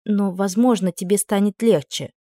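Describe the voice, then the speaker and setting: Soft-spoken anxious young prince, woman reader, quiet, dry close sound. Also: mid-range voice, fairly even intonation, normal speed, no room sound, lightly acted. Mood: gentle.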